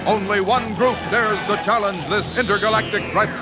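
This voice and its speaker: An actor playing the grave, dramatic narrator of a seventies superhero cartoon. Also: male voice, high voice, fairly even intonation, normal speed, natural voice, rough recording. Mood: grave, urgent. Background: loud music.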